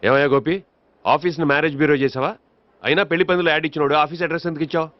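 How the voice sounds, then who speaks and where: Man, stern boss, quick threatening delivery, dull audio, faint noise. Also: on the high side, steady tone. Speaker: office manager. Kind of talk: comic film dialogue.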